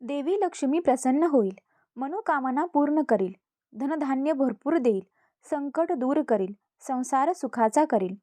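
A wise old woman, patient and earnest, who lays out instructions step by step, as a woman narrator puts her on. Her voice is high but mellow, close and dry. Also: expressive, a little slow, dry recording. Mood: instructive.

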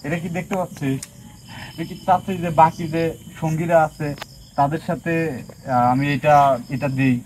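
A man's voice: on the high side, normal speed, long pauses, darkish tone. A man working as a folk healer, interrogating a spirit in a stern, commanding and threatening way, in a noisy recording. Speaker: folk healer conducting an exorcism. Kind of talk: possession session.

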